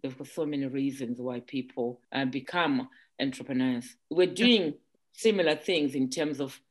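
A woman from Zimbabwe, an entrepreneur guest in an interview, who talks haltingly with many restarts and "um"s. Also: a bass voice. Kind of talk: casual interview chat.

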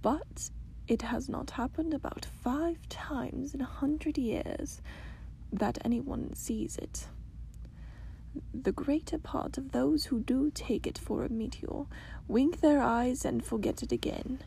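A woman voicing a gentle, wise, very old grandmother in a storybook, speaking in a soft, hushed half-whisper. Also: high voice, takes it slowly, vocal fry, full character voice, poor audio. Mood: tender.

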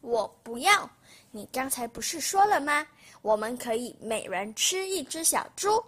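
A woman's voice: high voice, big pitch swings, unhurried, fairly bright tone, breathy edge, exaggerated voice. A woman voicing a small, wistful wolf in a storybook reading, stubbornly refusing in a pouting way. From Malaysia.

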